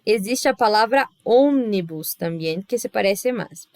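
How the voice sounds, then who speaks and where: A Brazilian woman teaches a language class at an unhurried, deliberate pace. She explains patiently, pausing to check that her students follow. Her voice sits at a middle pitch and sounds close and dry, with no room echo. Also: lively intonation. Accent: Brazilian Portuguese. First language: Portuguese. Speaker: Spanish teacher. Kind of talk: recorded class lesson.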